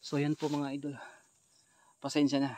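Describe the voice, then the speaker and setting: A man hosting a ghost-hunting vlog, talking straight to his viewers and swinging from hushed, nervous asides to loud, alarmed shouting. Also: fairly high pitch, monotone, normal speed, noisy background. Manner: talks straight to viewers as "idol". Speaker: ghost hunter vlogger.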